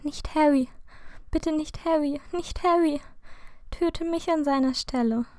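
A desperate young mother begs softly for her child's life, as a woman gives her a voice while reading aloud. Her pleas sit a little higher and quieter than the narration, warm and slow. The recording is close and dry. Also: level tone, no echo. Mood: pleading. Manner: pleading, soft and high.

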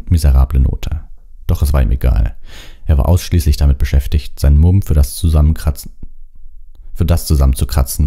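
A man reading a storybook audiobook aloud, expressive, with occasional slips and restarts. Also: very deep voice. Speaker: audiobook reader.

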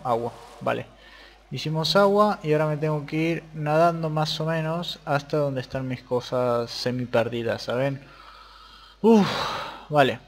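A young man with an Argentine Spanish accent talks his way through a Minecraft survival run. His voice sits somewhat high, and he swings from low muttering to sudden excited shouts as things go wrong. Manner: excitable, jumps between mutters and high yelps. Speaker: gaming youtuber. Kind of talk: casual Minecraft let's play commentary.

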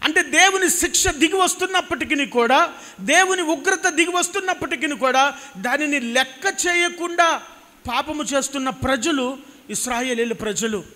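A man's voice: extremely high pitch, pushed and bright. A man in his thirties with a Telugu accent, preaching an impassioned sermon into a handheld mic and repeating phrases for emphasis. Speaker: pastor. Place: church stage with a cross backdrop. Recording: hall reverb.

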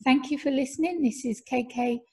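A woman narrating a first-person audiobook in a measured, steady reading voice. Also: sits high, husky. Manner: measured, steady reading with soft dips in level.

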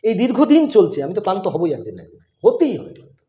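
A man's voice: high-pitched, huge pitch swings, very fast, warm tone. A middle-aged man, a school headmaster, answering interview questions in an emphatic, insistent way. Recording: roomy, echoey room.

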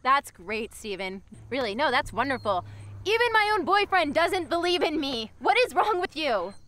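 Woman plays a fed-up girlfriend, higher voice, lively scolding. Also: moderate pace. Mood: exasperated. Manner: exasperated, scolding. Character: stressed girlfriend running a dating show. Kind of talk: comedy sketch acting.

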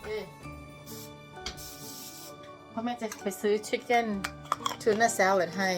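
A woman's voice: medium pitch, fairly even intonation, slow, music in the background. A woman from Thailand with a Thai accent, chatting casually as a mother and vlogger, laughing often and dropping in English phrases. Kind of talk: casual vlog chat.

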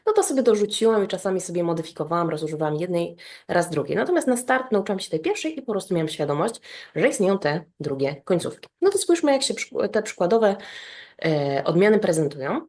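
A woman teaching an online grammar lesson, explaining step by step and often checking that the listener follows. She spells out verb endings slowly and rhythmically. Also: mid-range voice, darkish tone. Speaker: Spanish teacher.

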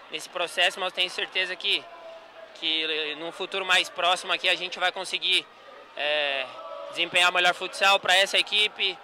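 A male futsal player answering post-match questions on the gym court. His voice is high and very bright, with an earnest, measured delivery that keeps coming back to reassurance. A faint hum of the gym stays behind him.

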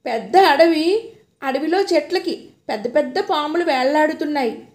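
A woman's voice: high-pitched, expressive, moderate pace, a little mellow, pitched above the performer's own voice. A woman voicing a frightened young wife who has just woken from a nightmare, talking in an anxious, breathless way. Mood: recounting fearfully. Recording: roomy echo.

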